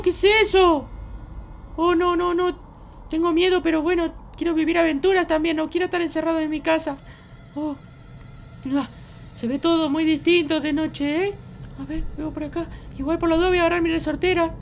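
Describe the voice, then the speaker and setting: A woman voicing a mischievous runaway baby boy in a Minecraft roleplay, chatting to the viewers as he sneaks around. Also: a little hiss or hum. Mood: scared. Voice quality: squeaky childlike voice. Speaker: roleplay channel performer.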